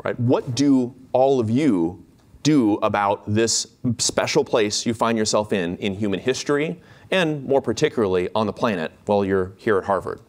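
A man's voice: fairly low pitch, animated, normal speed. A man giving a keynote lecture on a hall stage, chatty and jokey, with many fillers and restarts. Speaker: keynote speaker, instructor.

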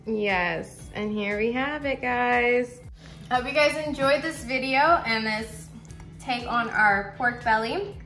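Woman, cooking vlog host, excited chatter, roomy kitchen sound. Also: fairly high pitch, slow. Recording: roomy room with background music.

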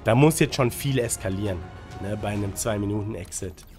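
A man with a slight cold speaks a little fast in a darkish voice on the low side. As a gaming guide creator and streamer, he gives casual gameplay tips colloquially, using English gaming slang and frequent tag questions, and music plays under his commentary.

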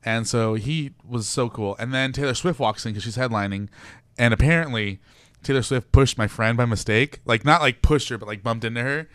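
A young man tells excitable stories at a quick clip as a guest on a casual radio show. His voice is bright and crisp. The sound is dry and close. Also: medium pitch, no echo. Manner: animated, excitable storyteller. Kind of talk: casual radio interview storytelling.

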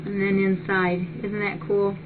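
An older woman with a mid-range voice speaks in a level tone at a measured pace, chatting casually and appreciatively as she reads things aloud on a live webcam stream. She hosts for a cat rescue shelter from a large indoor cat room. A distant fixed webcam picks her up, so the audio is muffled and noisy.

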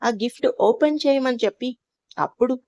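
A woman's voice: sits high, fairly quick, no echo, clean studio sound, lightly acted. A woman reading as a fond, bossy young sister-in-law. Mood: fond, coaxing. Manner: fond, bossy, gently scolding.

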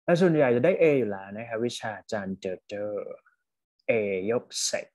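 A man lecturing an online class through his computer microphone, talking at a medium pitch. He is chatty and keeps his students going with encouragement. His speech hops between two languages within one sentence. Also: animated, moderate pace, darkish tone. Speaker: university English lecturer. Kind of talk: online class teaching test English. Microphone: computer mic on an online video class.

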